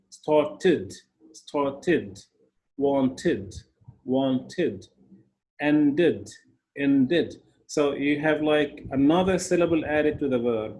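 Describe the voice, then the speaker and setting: A male English teacher walks through past-tense grammar. He says each example slowly and clearly, then explains it quickly in Arabic. His voice sits at an ordinary middle pitch. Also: darkish tone, low-quality recording. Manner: slow, careful English model phrases, quick Arabic explanations. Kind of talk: bilingual grammar lesson.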